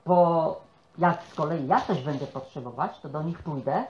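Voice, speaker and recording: Chatty preacher in an echoey church. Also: male voice, fairly high pitch, normal speed, slight background noise. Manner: chatty, peppers speech with tag questions. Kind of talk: conversational sermon. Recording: echoey, dull room sound.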